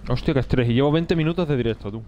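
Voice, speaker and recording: A man commentates his own game live, muttering plans and bursting into curses. His voice sits at an everyday middle pitch. A faint noise hums under the recording. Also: racing, lo-fi sound. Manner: excitable, swears, talks to himself. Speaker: streamer.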